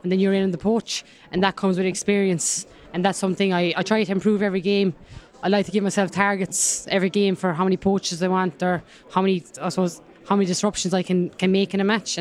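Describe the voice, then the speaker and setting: A woman with a Kerry, west of Ireland accent talks in a casual sports interview. She explains things earnestly and quickly as a player, with little rise and fall in her pitch. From County Kerry, Ireland. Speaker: rugby player being interviewed.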